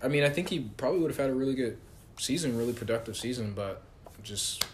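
A man's voice: medium pitch, expressive, fast, noisy background. A man hosting a casual chat among friends, steering the talk with questions to the others. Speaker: podcast host. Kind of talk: casual chat about fantasy football.

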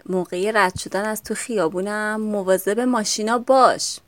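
A woman voicing a gentle, kind mother speaking tenderly to her young son in a children's storybook. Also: medium pitch, no echo, lightly acted. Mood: calling out. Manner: soft, tender.

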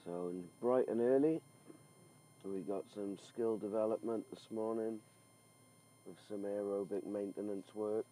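Slow-talking man recording an audio diary. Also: lowish voice, fairly even intonation, dark tone, rough recording. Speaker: swimming coach and podcast host. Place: on the move: car, outdoors, poolside. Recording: background noise from travel and outdoors.

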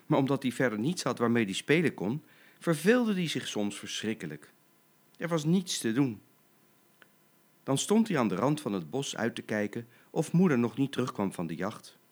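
A man's voice: medium pitch, very animated, normal speed. An older man, a grandfather, expressively reading a children's bedtime story aloud.

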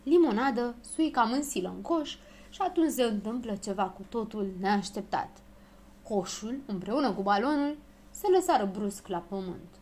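Brief: female storybook narrator, expressive read. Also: fairly high pitch. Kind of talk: children's story reading.

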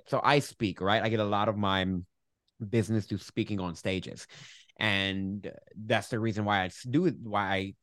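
A man's voice: lowish voice, no room sound, studio quality. A man with a lisp on his S sounds and R's that sometimes sound like W, explaining things emphatically and conversationally as an interview guest. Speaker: guest, public speaker.

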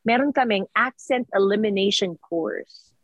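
This is an animated woman from the Philippines, in her thirties, who talks in a casual, lively way and often corrects herself as she goes. Her voice sits at an ordinary pitch. The recording sounds dry and a little dull. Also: unhurried, dry recording. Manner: animated, frequent laughs and self-corrections. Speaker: guest, teacher working in the US. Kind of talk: casual chat, Taglish.

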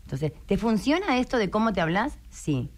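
A woman speaking with a Rioplatense accent, talking as a guest in a radio interview. She explains her ideas in a lively way and often acts out the voices of the people she quotes. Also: mid-range voice, normal speed. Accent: Rioplatense Spanish. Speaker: guest, writer and coach.

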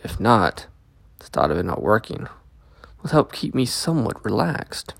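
A man narrating a scripted first-person story as a host, with a gravelly, creaky voice, close to the microphone. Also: lowish voice, sing-song, moderate pace, no room sound. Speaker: host and story reader of a podcast.

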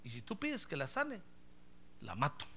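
A middle-aged male pastor preaches with a high, swooping voice that is strikingly bright and forceful. A gravelly edge runs through his speech as he acts out the voices in his story. He keeps turning to his listeners and calling them brother. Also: unhurried, a little hiss or hum. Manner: animated storyteller, acts out both sides of dialogue, calls listeners "hermano". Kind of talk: sermon with acted anecdote.

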